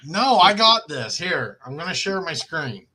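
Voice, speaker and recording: A man's voice: a little high, very animated, measured pace, pushed and bright, slightly rough. A middle-aged man with a Wisconsin accent, co-hosting a crude, joking comedy chat on a video call and laughing often. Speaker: podcast co-host.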